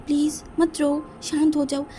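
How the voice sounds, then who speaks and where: A woman voicing a caring middle-aged mother who gently soothes her son. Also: sits high, level tone, moderate pace, a little hiss or hum, voice pushed up, natural voice. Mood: soothing.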